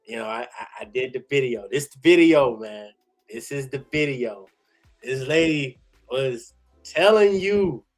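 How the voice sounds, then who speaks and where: A man streaming a reaction to a clip, talking in an excited, slangy way and tagging lines with "man". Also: medium pitch, unhurried, soft background music. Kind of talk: casual live reaction commentary.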